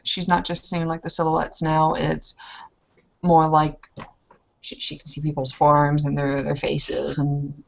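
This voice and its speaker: A woman playing a tabletop roleplaying game hesitantly describes her character in casual conversation. Her voice is low and creaky, and the recording has a dull, muffled lo-fi sound.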